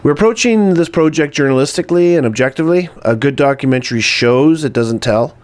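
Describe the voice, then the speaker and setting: A man's voice: a little high, a little fast, a little mellow. A man gives an informal campaign update to supporters, earnest and hesitant, full of ums and uhs. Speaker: documentary producer.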